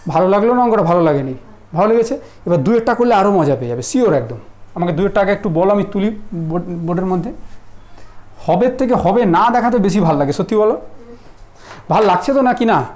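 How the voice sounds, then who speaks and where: A man teaching a math lesson in a relaxed classroom style, often asking whether students follow. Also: high-pitched, fast talker. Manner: conversational, checks understanding often.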